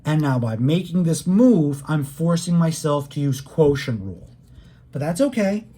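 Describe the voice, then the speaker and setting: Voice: medium pitch, sing-song, moderate pace, mellow. A math instructor giving a recorded calculus lecture, walking through each step patiently and talking straight to the students. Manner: patient step-by-step explaining, leaning on key words; plain conversational teaching, speaks straight to students.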